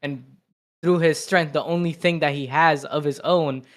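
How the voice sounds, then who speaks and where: A man's voice: fairly high pitch, steady tone, moderate pace. A man co-hosting a livestream, arguing his point in casual debate and stammering with repeated words. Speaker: livestream co-host.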